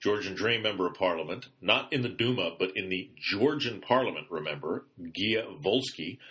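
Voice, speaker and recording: A man with a deep, bright, forceful voice reads the week's news for a podcast. He talks into a computer mic with loose, chatty asides and stops to fix his own slips. The delivery is casual rather than polished. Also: animated, moderate pace. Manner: chatty asides, self-corrects with ums.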